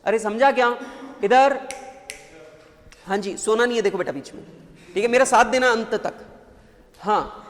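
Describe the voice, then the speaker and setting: A man lecturing a class in a joking, lively way. He keeps asking the students questions and telling them to answer. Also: extremely high pitch, measured pace, pauses often, long reverb tail. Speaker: teacher.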